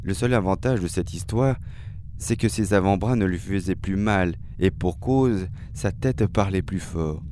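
A man reading a dramatic story aloud in a slow, measured, expressive way. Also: sits low, a little hiss or hum. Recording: faint music behind.

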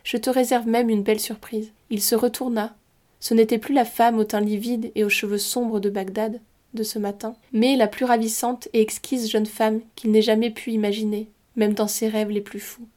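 A woman narrating a storybook tale in a measured, expressive reading voice. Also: on the high side. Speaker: storyteller and host.

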